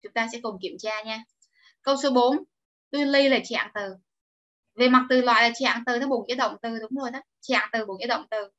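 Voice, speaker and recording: A woman's voice: on the high side, a little fast, a bit bright, muffled recording. A woman teaching an online English grammar class, explaining step by step and encouraging her students. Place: home or office, online class.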